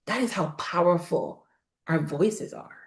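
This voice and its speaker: A woman guest on a podcast talking about voice and storytelling, emphatic and animated, with laughing asides. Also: lowish voice, unhurried. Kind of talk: casual interview chat. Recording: roomy echo.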